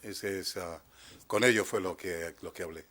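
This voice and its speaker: A man in his sixties with an Argentine accent, giving halting courtroom testimony as a trial witness and often trailing off quietly. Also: deep voice. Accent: Argentine Spanish. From Chile, raised in Argentina. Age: 60s.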